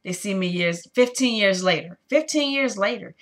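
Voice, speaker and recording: A woman in her thirties speaking candidly to her viewers in a personal vlog, pausing often with fillers. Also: medium pitch, lively intonation. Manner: halting, with many pauses and fillers; candid, addressing viewers directly. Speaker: vlogger.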